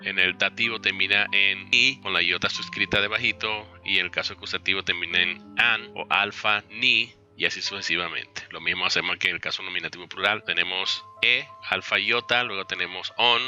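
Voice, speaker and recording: A man's voice: low voice, steady tone, a little fast, few pauses, bright, forceful tone, dull audio, faint music behind. A man teaching a recorded lesson with slides, explaining step by step and checking in with "¿ok?". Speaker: Greek language teacher.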